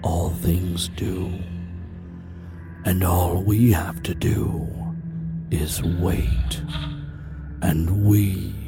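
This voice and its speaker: Man doing a slow, whispering demon stag, old and menacing, storybook creature. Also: sits low, fairly even intonation, creaky, over loud music, heavily acted. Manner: slow hushed whisper, purring.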